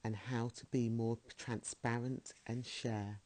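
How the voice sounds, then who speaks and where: A man leading a guided meditation in a slow, soothing, soft-spoken way. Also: medium pitch, level tone.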